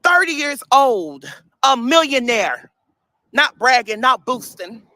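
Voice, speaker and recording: An extremely high-pitched man takes it slowly, swinging widely in pitch, his pushed, bright voice recorded without echo. In his thirties and from St. Louis, this social media personality with a speech impediment rants emphatically and repetitively in a casual livestream-style vlog, often laughing while he talks.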